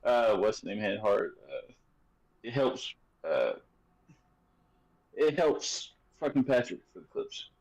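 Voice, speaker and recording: A man's voice: fairly low pitch, big pitch swings, takes it slowly, long pauses, darkish tone, husky, rough recording. A man hosting a sports podcast in loose, joking casual chat, full of fillers and restarts. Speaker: podcast host.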